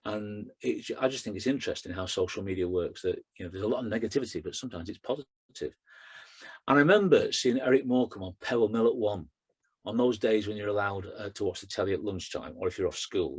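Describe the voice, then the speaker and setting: A middle-aged man, a poet, chatting loosely at a book launch and then reciting his own verse in a steady rhythm. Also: fairly low pitch, fast talker, breathy edge. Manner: chatty and rambling with fillers, rhythmic when reciting. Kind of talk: book launch talk and poetry reading.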